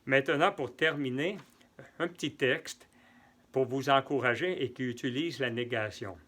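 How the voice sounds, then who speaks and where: A man's voice: medium pitch, moderate pace, a bit bright. A man teaching French grammar to Spanish speakers, patiently repeating example sentences and translating them. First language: neither French nor Spanish. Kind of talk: bilingual grammar lesson.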